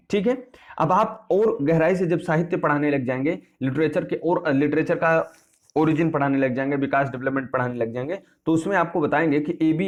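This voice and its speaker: Repetitive male tutor with dull audio. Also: fairly high pitch. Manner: repetitive, asks and answers his own questions; addresses students familiarly. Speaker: English tutor. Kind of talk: classroom-style video lesson.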